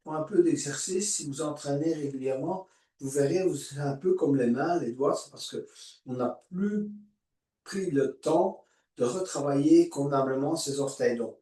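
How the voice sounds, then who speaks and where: Calm male yoga teacher, echoey room. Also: fairly high pitch. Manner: calm, guiding, drawn-out cues. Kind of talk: guided yoga class instruction. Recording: echoey room, voice far from mic.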